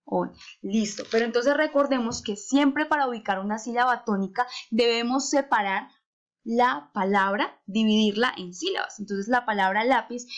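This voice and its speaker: Teacher, female, higher voice; patient classroom delivery for kids, drawn-out words, frequent questions. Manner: patient, asks frequent rhetorical questions, stretches words to stress syllables. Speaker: primary school teacher. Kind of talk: recorded remote lesson for children.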